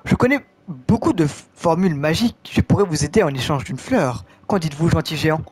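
A man's voice: a little high, expressive, brisk, darkish tone, husky, dry recording. A man voicing a polite, persuasive female witch in a game story, reading with stumbles. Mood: bargaining. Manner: clumsy read-aloud, stumbling over words.

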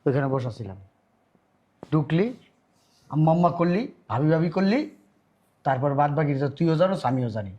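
A man's voice: on the high side, animated, normal speed, long pauses, dull audio, a little hiss or hum, close to an everyday voice. Man playing a stern elder brother. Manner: stern, scolding. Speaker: actor. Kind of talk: village family drama acting.

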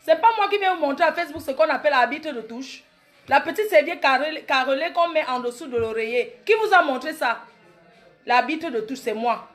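Brash mocking woman with a high voice. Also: expressive, a little fast, soft background music. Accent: Cameroonian French. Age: 30s. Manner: brash, mocking, boastful taunts at critics. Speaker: comedic vlogger. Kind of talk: satirical comedy monologue.

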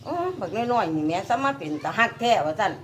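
An older woman with a thick Isan accent tells a story at a middle pitch, looping back over her words as she goes. She is speaking outdoors with a group of reporters around her. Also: fast talker, slight background noise. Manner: rambling, repeats words, lively. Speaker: interviewee telling a dream. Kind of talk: casual storytelling.

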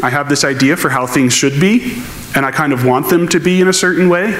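A man's voice: a little high, fairly quick, fairly bright tone. Man explaining code in an echoey hall. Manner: thoughtful, explains with rhetorical questions. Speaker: conference speaker. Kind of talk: technical keynote with audience questions. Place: large lecture hall, on stage. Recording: echoey lecture hall with faint noise.

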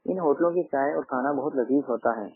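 A man reading the lines of a hurried, apologetic young man in an audiobook. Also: mid-range voice, slightly rough, dry recording. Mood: placating. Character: young man, eager and placating. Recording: tinny phone-like sound.

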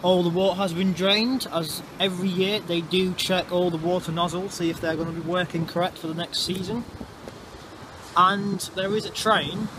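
With fairly even intonation and a voice a little on the high side, a male vlogger chats through a walking tour of urban streets and an underpass, pausing now and then while explaining. The handheld camera mic picks up lots of traffic and street noise.

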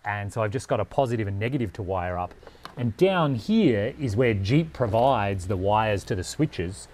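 With a medium-pitched, darkish voice, a man in his forties walks viewers through a DIY vehicle install. His tone is casual and to-camera, thinking aloud as he goes.

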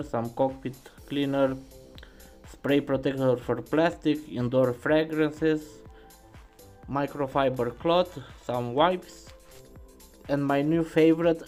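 A man who drives trucks for a living narrates a scripted voice-over, listing item after item in a plain, steady way. His pitch sits in the ordinary middle range for a man. Soft music plays faintly behind him. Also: low-quality recording.

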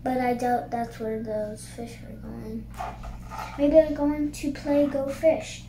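A woman's voice: a little high, steady tone, takes it slowly, warm tone. A young girl voicing a hesitant, doubtful little jellyfish from a picture book, with a questioning manner. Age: child. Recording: noisy, roomy home recording.

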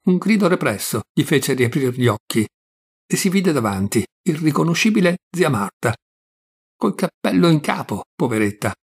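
An Italian man reading a literary short story aloud in a measured, expressive way, with a husky, gravelly voice. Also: medium pitch. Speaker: audiobook reader.

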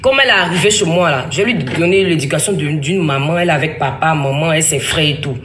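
A woman's voice: deep voice, fast talker. A woman, telling a family story in a rambling, emphatic way, acting out other people's lines. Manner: rambling, emphatic, with frequent restarts and quoted dialogue. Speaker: mother telling her story. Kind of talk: casual spoken testimony. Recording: echoey room with faint ambient noise.

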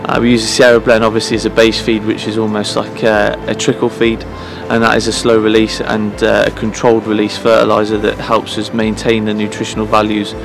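A man in his thirties, a head groundsman, speaking earnestly to camera outdoors at pitch side in an empty stadium, pausing often with fillers and restarts. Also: completely flat delivery, creaky, music in the background. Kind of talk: promotional interview to camera.

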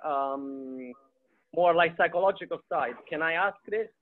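A man joining a webinar who asks a question hesitantly, searching for words and filling pauses. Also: a little high. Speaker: webinar participant asking a question. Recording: tinny call audio.

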